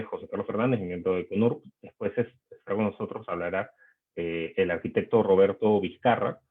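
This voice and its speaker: Male moderator, low voice, measured and hesitant, introducing panelists over a tinny video call. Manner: measured, hesitant with frequent fillers. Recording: tinny phone-like online call audio.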